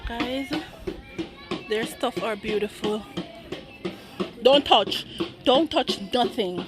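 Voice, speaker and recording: A woman's voice: on the high side, takes it slowly, music in the background. A Jamaican woman vlogging a trip, enthusiastic and chatty, calling her viewers guys. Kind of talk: casual travel vlog talk to viewers. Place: outdoors in a busy village setting. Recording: crowd chatter behind, outdoors.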